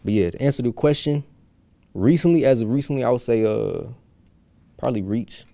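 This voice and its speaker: A man's voice: medium pitch, a little fast, vocal fry, warm tone, no echo. A young man from Houston, chatting loosely as a guest musician, with plenty of fillers and restarts. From Houston, USA. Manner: rambling, loose, with many fillers. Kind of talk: casual chat.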